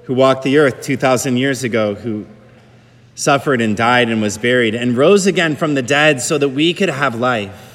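A priest giving a homily at Mass, reflective and conversational, with hedging fillers. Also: male voice, medium pitch, moderate pace, a bit bright. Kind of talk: Gospel reading and homily at Mass. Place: church. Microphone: microphone that cut out. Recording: long church reverb.

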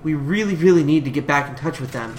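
A woman's voice: sits low, expressive, quick pace, darkish tone, slight background noise, voice pushed down. A woman voicing an earnest half-orc woman ally who speaks in an urgent, pleading way. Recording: roomy recording.

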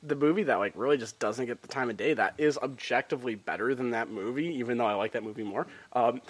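A man's voice: medium pitch, fast talker, dry recording. A man co-hosting a podcast in casual chat, eager and enthusiastic, with many "like" fillers. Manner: enthusiastic, filler-heavy with lots of "like". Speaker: podcast co-host.

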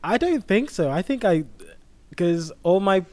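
A man's voice: high voice, animated, unhurried, a little mellow. Well-spoken young man, modern southern British accent. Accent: modern Received Pronunciation, southern English. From southern England. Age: young adult. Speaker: medical student on a podcast. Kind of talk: casual podcast discussion.

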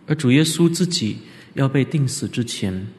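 A man giving an animated church lecture on scripture, often leaping up in pitch for emphasis. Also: moderate pace, a little hiss or hum. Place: church hall. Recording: reverberant church hall.

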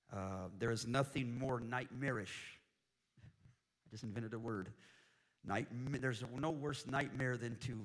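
Jokey, animated male missionary preacher. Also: medium pitch. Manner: jokey, animated, with laughs and sudden loud bursts. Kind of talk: sermon with humorous storytelling.

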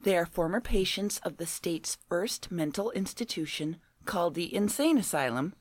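A woman's voice: lowish voice, lively intonation, normal speed, no echo. A woman co-hosting a paranormal show, reading a news story aloud and chatting casually in between.

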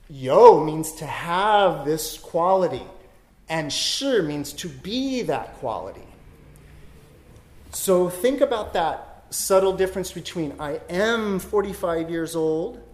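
A man's voice: a little high, darkish tone, reverberant. A man giving a dharma talk, explaining ideas step by step and thinking aloud, often checking in with "right?". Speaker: dharma teacher.

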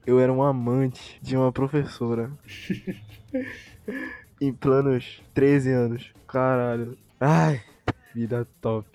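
Brazilian guy, dry close mic, mellow tone, lots of swearing, faint music. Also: mid-range voice, slow, no room sound. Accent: Brazilian Portuguese. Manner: slangy and profane, animated storyteller. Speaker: podcast co-host. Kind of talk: casual storytelling chat.

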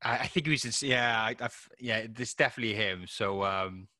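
A man with a Welsh accent co-hosting a film podcast, relaxed and a little hesitant. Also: fairly low pitch, brisk, no room sound, studio quality. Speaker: podcast co-host. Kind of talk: casual film review chat.

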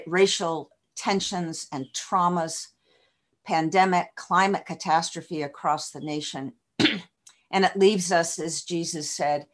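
A woman preaches a sermon to her congregation over a video call. Her voice sits low and she speaks slowly and reflectively, pausing often with small fillers. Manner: slow, reflective, with frequent fillers.

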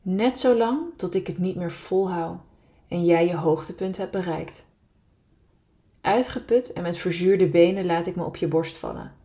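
Low-voiced woman reading a sultry story. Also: moderate pace, warm tone. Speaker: reader of her own erotic story. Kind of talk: first-person erotic story reading.

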